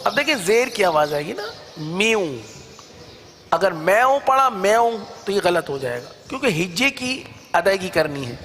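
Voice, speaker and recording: A man teaching Quran reading, spelling out syllables in slow drawn-out chants between quick explanations, with an Urdu accent. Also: sits high, big pitch swings, fairly bright tone, long reverb tail. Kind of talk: slow spelled-out recitation lesson.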